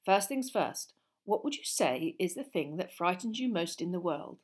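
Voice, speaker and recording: A woman voicing a calm, encouraging male professor of magic in storybook dialogue, explaining things in a measured, teacherly way. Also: fairly low pitch. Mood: gently encouraging. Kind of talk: acted audiobook dialogue.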